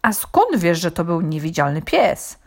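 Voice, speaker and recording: A woman's voice: on the low side, very animated, measured pace, a little mellow, exaggerated voice. Woman voicing a proud, sly cat. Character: proud, dignified male cat.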